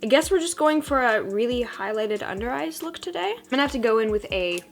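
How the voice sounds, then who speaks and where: A woman's voice: fairly high pitch, animated, fairly quick. A young woman with a froggy, under-the-weather voice, chatting casually and self-deprecatingly as a beauty vlogger doing a get-ready-with-me. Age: young adult. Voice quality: froggy, congested sick voice. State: sick with a cold-like hoarseness.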